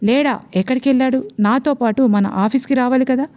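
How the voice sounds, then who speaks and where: An irritable, spiteful younger aunt-in-law from a storybook romance, as a woman narrator voices her. She sounds snippy and annoyed, quick to complain and stir up trouble. Her tone stays soft-edged and mellow. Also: high-pitched, pitched above the performer's own voice, natural voice. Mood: irritated.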